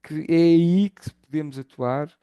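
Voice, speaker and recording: A man from Lisbon with a Lisbon Portuguese accent, speaking as an interview guest in a thoughtful way, often pausing on fillers as he searches for words. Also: fairly high pitch, dark tone, smooth, dry recording, highs cut off. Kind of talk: reflective conversational interview.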